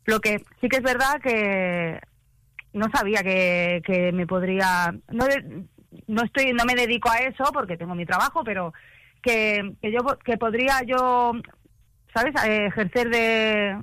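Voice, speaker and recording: A woman's voice: fairly high pitch, unhurried, fairly bright tone, dry recording. A woman, a singer, talking in a radio interview, hesitating and restarting her sentences. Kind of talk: casual interview chat.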